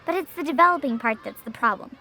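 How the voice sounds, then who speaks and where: Woman playing a bossy showy kid animal, high bright voice, lively, faint hiss. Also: fast. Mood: bossy eager. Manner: showy, commanding, directs others. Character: bossy, confident young boy animal photographer. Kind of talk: radio drama acting.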